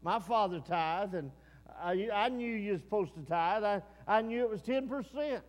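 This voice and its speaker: A man's voice: high-pitched, moderate pace, long reverb tail. A man from Texas, preaching a folksy, conversational sermon and often turning to the congregation with questions. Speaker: pastor.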